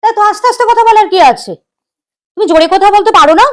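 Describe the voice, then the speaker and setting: A woman playing a shrill scolding mother-in-law. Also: rapid-fire. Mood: irritated. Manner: scolding, lecturing. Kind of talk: comic family sketch.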